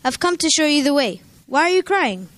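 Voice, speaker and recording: Girl acting as jesus in a church play, calm reassuring, very high voice. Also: a little fast, dry recording. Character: Jesus, calm gentle male savior.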